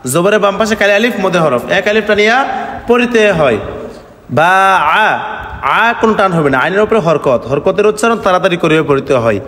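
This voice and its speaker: A man teaching letter-by-letter reading, spelling out letters and chanting the syllables slowly, asking questions and answering them himself. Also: high voice, expressive, fairly bright tone, roomy sound, in a large hall. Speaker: Quran teacher. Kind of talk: recorded reading lesson.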